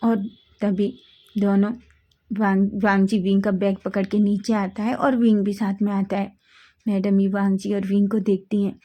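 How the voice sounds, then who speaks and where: A woman's voice: medium pitch, little pitch movement, moderate pace, highs cut off. A woman narrating a fan fiction story in a casual, conversational way.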